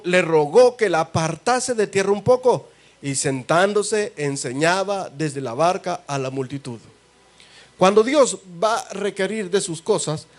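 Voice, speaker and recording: A man with a Salvadoran Spanish accent preaching a sermon in a church, folksy and joking as he tells the story. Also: high-pitched. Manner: folksy, joking asides with laughter. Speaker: pastor.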